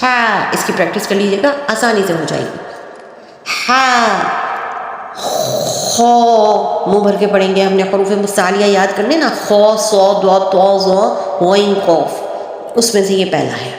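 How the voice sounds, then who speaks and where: A woman teaching Quran reading, explaining patiently and repeating each letter in a drawn-out chant. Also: medium pitch, fairly even intonation, a little hiss or hum. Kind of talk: step-by-step recitation lesson. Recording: very echoey room with long reverb.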